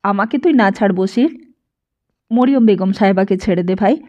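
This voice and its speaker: A woman's voice: medium pitch, normal speed, dark tone, natural voice. A woman reading an audiobook, voicing a young man tied up and pleading urgently for another's release.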